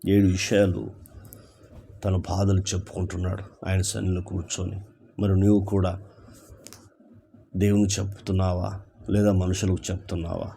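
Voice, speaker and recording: A man with a Telugu accent preaches an evening sermon in a low, mellow voice. He reads scripture in a slow, emphatic way, repeating key phrases and pressing each line home to his listeners. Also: level tone, creaky, slight background noise. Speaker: pastor. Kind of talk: sermon reading and expounding scripture.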